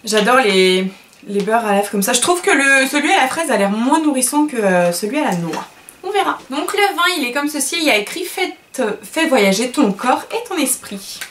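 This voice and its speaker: A woman's voice: sits high, animated, fairly quick, fairly bright tone, a little hiss or hum. A woman beauty vlogger chatting casually while unboxing products, gushing and chatty with many fillers and self-corrections.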